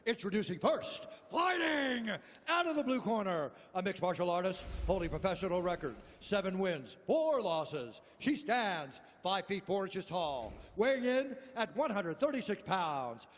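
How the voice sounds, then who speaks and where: A man working as a ring announcer, giving booming, theatrical fight introductions with drawn-out names. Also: big pitch swings. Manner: theatrical, stretches out names and key words. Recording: echoey arena PA, background noise.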